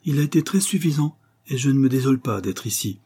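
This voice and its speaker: A man's voice: mid-range voice, animated, fast talker, a little mellow, breathy edge. A man voicing an earnest superstitious coachman. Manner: earnest, respectful, believing. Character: simple superstitious old coachman. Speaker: postillion.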